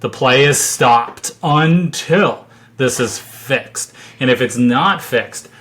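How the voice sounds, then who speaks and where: A man co-hosting a podcast, with a voice of ordinary middle pitch. He speaks earnestly and emphatically. He often cuts in with quick agreement. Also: animated, fairly bright tone. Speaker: podcast co-host. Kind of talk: casual chat.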